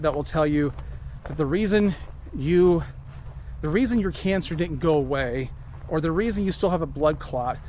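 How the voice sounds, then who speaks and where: Fairly high in pitch yet darkish in tone, this male vlogger's voice comes with a little hiss or hum. He rambles earnestly and repeats himself while walking outdoors, giving a reflective walk-and-talk monologue.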